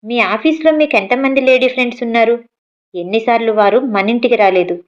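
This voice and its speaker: A woman reading aloud puts on a college-age daughter in an audio story, earnest and firm. The voice sits a little higher than the narration. The recording sounds dull and lo-fi. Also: a little fast, lightly acted.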